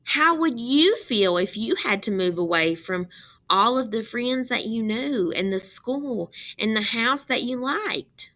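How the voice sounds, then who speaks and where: Reading a picture book aloud to children, a woman speaks expressively and deliberately, stopping to ask her listeners questions. Her voice is a little high.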